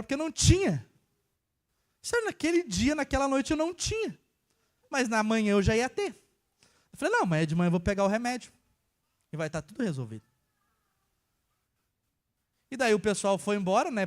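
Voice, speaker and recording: Man, young adult, high voice, informal sermon testimony, hushed then emphatic. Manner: informal, storytelling, swings between hushed and emphatic. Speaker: church worker preaching.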